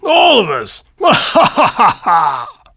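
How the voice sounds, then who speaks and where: Bellowing male tyrant king, mocking laughter, bright forceful tone, a man puts him on. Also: high-pitched, huge pitch swings, slow, husky, dry recording, clean studio sound, pitched above the performer's own voice, heavily acted. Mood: roaring, mocking.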